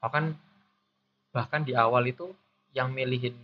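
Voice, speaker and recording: A man in his twenties with a pinched, shrill voice, chatting casually and jokingly as a podcast host. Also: steady tone, normal speed. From Surabaya, Indonesia. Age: 20s. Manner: self-deprecating, joking, informal. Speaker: guest host interviewing the podcast's founder. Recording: dull lo-fi audio with clear background noise.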